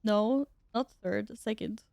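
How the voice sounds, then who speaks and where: A woman's voice: medium pitch, slow pace, gravelly, darkish tone, no echo, clean studio sound. A woman live-streaming a game, chatting casually and informally with viewers and teammates, given to exclamations.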